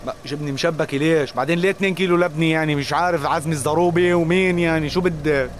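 A man's voice: on the high side, steady tone, rapid-fire, lightly acted. A man playing a chatty, exasperated married taxi driver with a Levantine Arabic accent, telling comic stories in colloquial speech. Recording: music and engine noise behind.

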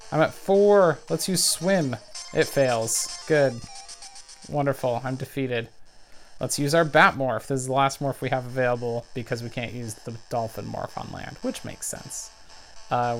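This let's play gamer has a mid-range voice and a low-quality recording. He keeps up casual, excitable commentary throughout, voicing every move and health figure as the game unfolds.

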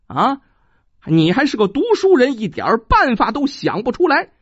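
A man's voice: extremely high pitch, wildly swooping pitch, moderate pace, breathy edge, full character voice. A storyteller doing a sneering scholar man. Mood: mocking. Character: scheming scholar man, scornful. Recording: dull dry lo-fi recording.

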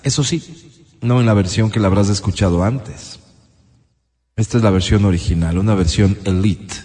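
A man's voice: on the low side, moderate pace, a little mellow, husky. A man hosting a comic radio talent show, with playful, mock-solemn banter. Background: music.

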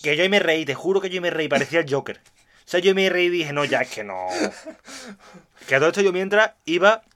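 High-voiced man telling a funny story. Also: a little fast. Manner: animated, acts out quoted dialogue, laughs often. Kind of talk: casual comic storytelling.

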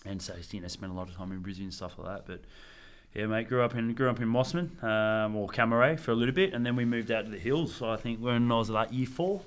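Australian man, low pitch, laid-back podcast chat, rambling storyteller. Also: fast talker, clear, resonant tone. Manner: laid-back, says "mate" often, rambling with restarts. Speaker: podcast co-host. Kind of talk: casual chat.

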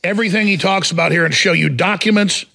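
A man hosts a talk show in a high, raspy voice with a sharp, forceful edge. He rants in a paranoid, alarmist way, hammering his conspiratorial points with emphasis. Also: quick pace. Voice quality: raspy, gravelly. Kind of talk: alarmist ranting commentary.

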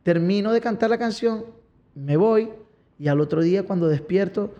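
A man's voice: high-pitched, normal speed. A young man with a Venezuelan accent, a singer-songwriter telling stories animatedly in a casual interview. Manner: animated storyteller. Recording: dull lo-fi recording.

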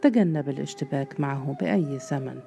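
A man voicing a gentle young wife who speaks tenderly and pleadingly, in a storybook reading. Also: medium pitch, fairly quick, creaky, faint music behind, lightly acted. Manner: tender, soft.

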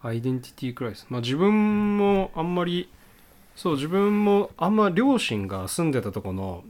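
A man in his thirties with a light Kansai accent, co-hosting a casual chat podcast and joking and laughing easily. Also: a little high. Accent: Kansai Japanese. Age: 30s. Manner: animated, quick to laugh, jokey. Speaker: podcast co-host.

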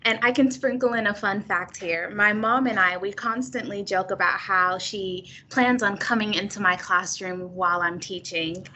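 Give me a bright-sounding young woman, upbeat and expressive, chatting as a guest over a faint background hum. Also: medium pitch, moderate pace, hardly any pauses, rough recording. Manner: upbeat and expressive, laughs often. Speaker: guest, university staff member and new lecturer. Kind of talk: conversational interview.

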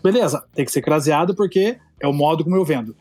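A man's voice: on the high side, lively intonation, quick pace, dark tone, dry recording. A man with a Brazilian accent, a Portuguese teacher, chatting and explaining language points with playful examples. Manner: explanatory, playful, many fillers. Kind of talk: casual podcast chat.

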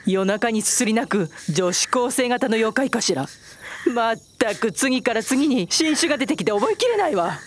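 A woman as haughty, animated long-necked yokai lady. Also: on the high side, normal speed. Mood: haughty, huffy. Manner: haughty, ladylike, easily flustered. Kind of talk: Japanese comedy audio drama acting.

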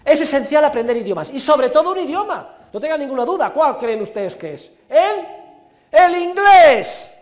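A man's voice: very high-pitched, big pitch swings, fairly quick, few pauses. A middle-aged man from Spain with a Peninsular Spanish accent, lecturing students and giving them advice in an emphatic, exhorting way with dry humor. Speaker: university lecturer.

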